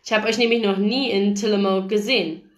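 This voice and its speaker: A woman's voice: medium pitch, fairly even intonation, fairly quick, close to an everyday voice. A woman voicing a nosy, chatty young man, the narrator's brother, who talks in a pushy, teasing way, read in an echoey room. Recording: roomy echo.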